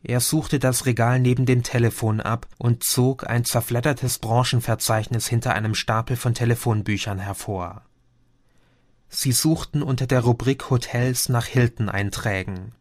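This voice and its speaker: A man's voice: medium pitch, fairly even intonation, normal speed, darkish tone, dry recording. A man narrating an audiobook. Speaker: audiobook reader.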